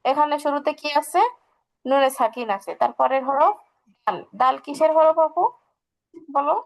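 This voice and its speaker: High, gravelly female tajweed teacher. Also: moderate pace, rough recording. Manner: patient, asks questions and answers them herself. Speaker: Quran recitation teacher. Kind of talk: online tajweed lesson.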